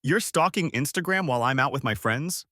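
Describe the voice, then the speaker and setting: A man's voice: medium pitch, animated, fairly quick, sharp tone, no room sound, clean studio sound. A man reading the lines of a defensive, angry young woman in a story. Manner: heated, accusing.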